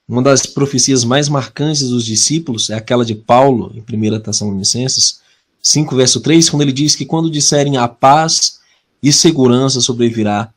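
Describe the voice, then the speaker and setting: Brazilian guy teaching bible prophecy, earnest, slows way down on the big words, mid-pitched voice. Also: husky. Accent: Brazilian Portuguese. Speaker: teacher of a weekly prophecy study. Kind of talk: prophecy study talk with opening prayer.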